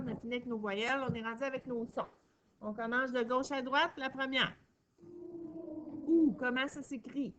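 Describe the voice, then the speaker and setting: A woman teacher leads a phonics lesson for young children, stretching each syllable out slowly and praising often. Her voice sits fairly high. There is a faint hiss of noise under the recording. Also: pushed and bright. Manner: patient, encouraging, sounds out syllables slowly. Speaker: primary school teacher.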